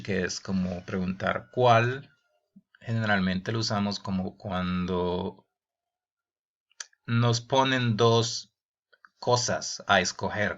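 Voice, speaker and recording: In a dull lo-fi recording, a man with a lowish, bright, forceful voice and some vocal fry teaches English grammar to teenagers. He reads each example question aloud and translates it into Spanish, calling his students "jóvenes" throughout this bilingual lesson.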